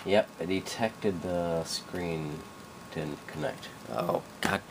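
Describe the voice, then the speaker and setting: A creaky, low male voice swings widely in pitch and moves slowly, captured in poor audio with a little hiss or hum. The speaker is a young man with a stuffy cold, casually recording a computer tutorial at his screen in a dim room, rambling and correcting himself with many fillers.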